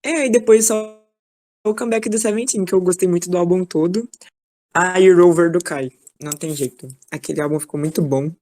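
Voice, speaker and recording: A woman's voice: on the low side, brisk, mellow. A woman, chatting casually and enthusiastically in an online class over a video call.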